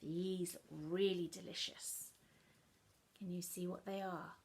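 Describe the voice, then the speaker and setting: A woman teaching a children's phonics lesson, sounding out letters slowly and coaxing listeners to repeat words. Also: lowish voice, fairly even intonation, darkish tone, slightly rough.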